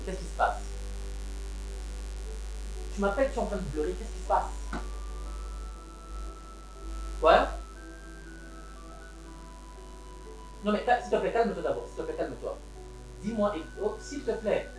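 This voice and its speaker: A man's voice: fairly high pitch, expressive, fairly quick, natural voice. An actor with a Congolese French accent playing a wealthy man who looks after his siblings, switching between French and Lingala. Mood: pleading, worried. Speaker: wealthy family head. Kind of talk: Congolese TV series acting. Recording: roomy room with background music.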